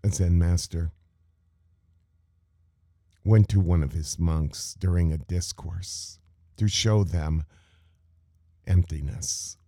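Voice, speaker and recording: A man teaching meditation in a contemplative spiritual talk, measured and full of rhetorical questions. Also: deep voice, warm tone, no room sound, clean studio sound.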